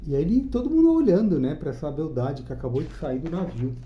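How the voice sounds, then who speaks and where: A Brazilian man with a Brazilian Portuguese accent hosts his own channel, giving a chatty, enthusiastic review of a comic book and frequently using tag questions to check in with the listener. He talks fast in a high-side voice with lively intonation, while the recording has its highs cut off and a little hiss or hum.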